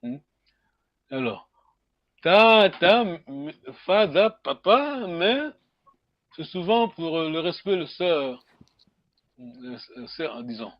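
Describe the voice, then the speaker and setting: A man with a high voice teaching slowly, pausing often with hums as he quizzes his class. The audio is dull and dry, with no room echo. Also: big pitch swings. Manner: slow, questioning students, many hmm fillers. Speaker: Kikongo language teacher. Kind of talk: online group lesson.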